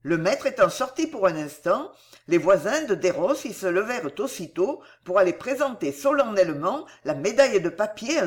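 Audiobook narrator, lively rising and falling pitch, expressive story reading. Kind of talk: audiobook narration of a classic novel.

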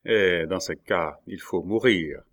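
A man's voice: low voice, takes it slowly. A man playing a scornful ruthless swordsman. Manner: scornful commanding delivery. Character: fierce young swordsman, cocky and ruthless.

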